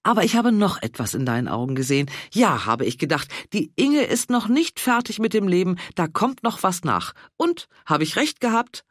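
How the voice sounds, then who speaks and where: A bossy, outspoken older woman, as a male reader puts her on, talks loud and emphatic in a lively, swooping voice. She presses and scolds with quick temper. The audiobook sound is dry and close. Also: on the low side, no room sound, voice pushed up. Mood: triumphant. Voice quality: loud and emphatic, swings between coaxing and scolding. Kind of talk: audiobook character voice.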